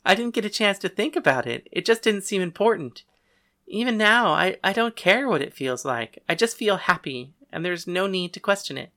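Storybook: bewildered teen god of the underworld, read by a man, earnest, bright voice. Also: sits high, animated, moderate pace, voice pushed up, exaggerated voice. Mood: musing. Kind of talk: first-person audiobook reading.

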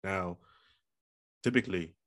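A man with a deep, slightly bright voice talks at a measured pace, recorded dry with clean studio sound. Hosting his own podcast solo, he rambles playfully, plugs the show, and hands out motivational life advice in a casual, self-promoting monologue.

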